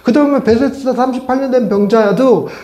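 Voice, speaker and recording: A middle-aged male pastor preaching a sermon, chatty and animated, with playful asides to his congregation. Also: very high voice, a little fast. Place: church sanctuary. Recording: echoey church hall.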